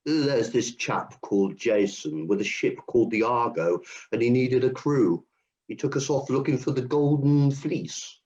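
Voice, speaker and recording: A man with a mid-range, somewhat slow and mellow voice plays Hercules in a comic radio play, lightly acted. His Hercules is a strong, keen, overconfident hero hunting for a job, earnest in mood and cheerfully overconfident yet matter-of-fact in manner. The lo-fi audio sounds dull.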